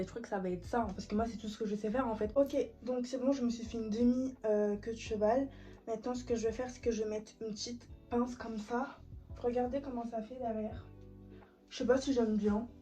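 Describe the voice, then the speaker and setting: Young woman with a soft, mellow high voice. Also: fairly even intonation, fairly quick. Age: late teens. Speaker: vlogger. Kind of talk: casual chatty vlog. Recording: muffled lo-fi sound, music behind.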